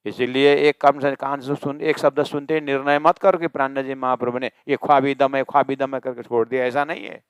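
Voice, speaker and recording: Man, scripture discourse, resonant smooth voice, dry close sound, slow chanted verses, emphatic questions. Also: mid-range voice, little pitch movement, no echo. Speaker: religious teacher.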